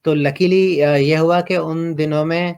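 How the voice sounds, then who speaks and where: Flat-voiced man recalling his past. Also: fairly high pitch, gravelly, clean tone. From Pakistan. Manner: hesitant, many pauses and fillers. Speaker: convert telling his story. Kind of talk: reflective personal testimony.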